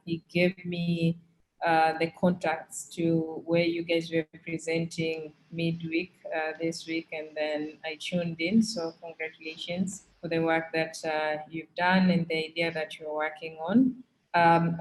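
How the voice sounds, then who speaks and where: Hesitant woman from Tanzania, lowish voice. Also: low-quality recording. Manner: hesitant, many fillers. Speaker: webinar participant. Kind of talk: casual remarks on a video call.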